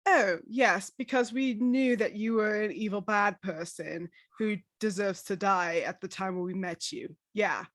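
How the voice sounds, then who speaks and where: A woman's voice: mid-range voice, a little slow, hardly any pauses, a bit bright, no echo, clean studio sound. A woman playing in a tabletop role-playing game, speaking in casual improvised dialogue.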